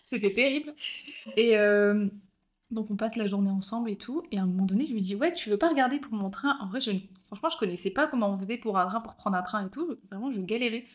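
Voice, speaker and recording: Fast-talking and medium-pitched, this young podcast co-host tells a story in casual conversation. She stays animated, performing the voices of the people she quotes.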